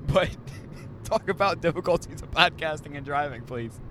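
Road noise from a moving car fills this casual podcast, where a man hosts, rambling and joking into a handheld mic passed between people. His voice is a little high and expressive, at a moderate pace.

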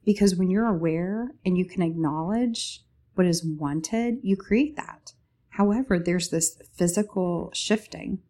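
A woman podcast host talks casually and directly to her listeners. Her voice is mellow and on the low side, with a creaky edge, and she leans emphatically on key phrases. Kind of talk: casual, conversational podcast monologue.

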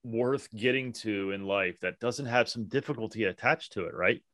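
A man's voice: fairly low pitch, normal speed, fairly bright tone, no room sound, studio quality. A man co-hosting a podcast, thoughtful and asking questions in casual chat.

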